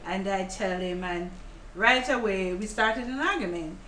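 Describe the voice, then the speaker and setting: Slow-talking laughing woman storyteller. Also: medium pitch, echoey room, a little hiss or hum. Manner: animated storyteller, laughs often. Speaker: guest playwright and actress. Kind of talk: casual talk show chat.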